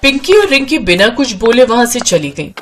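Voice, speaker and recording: A woman narrating a storybook in a steady, even telling. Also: fairly high pitch, moderate pace, a little hiss or hum.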